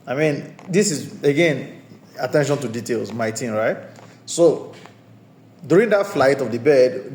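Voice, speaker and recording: A man's voice: mid-range voice, a little mellow. Man reviewing a film, roomy sound. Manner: discursive, circling back to restate points. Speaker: movie reviewer and channel host. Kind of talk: casual spoken movie review. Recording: roomy echoey room sound.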